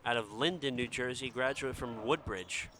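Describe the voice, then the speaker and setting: A man's voice: medium pitch, normal speed, bright, forceful tone. A man giving easygoing, conversational color commentary on a basketball game. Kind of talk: relaxed sports analysis. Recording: noisy gym background.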